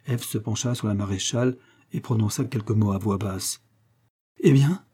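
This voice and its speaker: A man reading a classic novella aloud in an even, measured storytelling manner. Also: lowish voice, husky. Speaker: narrator. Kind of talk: audiobook reading of a 19th-century novella.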